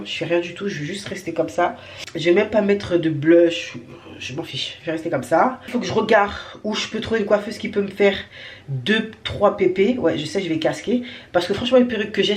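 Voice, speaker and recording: A young adult vlogger with a cold talks casually to her audience in a fairly low-pitched voice, with a little hiss or hum in the background. She's candid and slangy, grumbling and making fun of herself.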